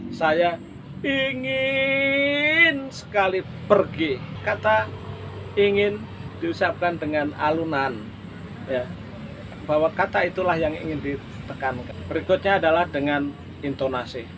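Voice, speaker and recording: A man lecturing on drama and voice for an online university class, slow and deliberate, with examples that he demonstrates himself. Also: fairly high pitch, noisy background.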